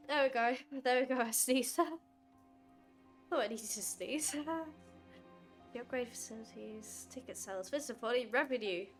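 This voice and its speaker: A woman's voice: fairly high pitch, moderate pace. Nasal-sounding woman streamer. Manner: reads the game's menus aloud and cheers at small wins. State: blocked nose. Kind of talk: casual gameplay commentary. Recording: stream with game music behind.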